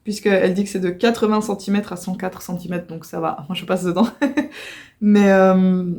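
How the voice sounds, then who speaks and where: A woman's voice: lowish voice, flat delivery, normal speed, a little mellow. A woman vlogging casually at home about her crafts, chatty and often apologetic, with many fillers and self-corrections. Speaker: crochet vlogger. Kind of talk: casual chatty video talk. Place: at home by a computer.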